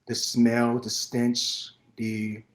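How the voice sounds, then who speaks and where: A middle-aged man born in Vietnam, guest on a podcast, telling his life story in an earnest, measured way with many fillers and restarts. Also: mid-range voice, monotone. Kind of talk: personal storytelling in interview. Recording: roomy echo.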